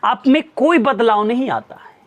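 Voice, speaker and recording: A man's voice: very high voice, animated, moderate pace, fairly bright tone. A man, a teacher, earnestly lecturing his students with pointed rhetorical questions. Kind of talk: motivational talk to students.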